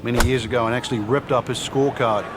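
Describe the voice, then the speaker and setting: A man's voice: medium pitch, fairly even intonation, quick pace, very noisy, lightly acted. A man giving golf commentary as the analyst, explaining strategy and conditions in an advisory way.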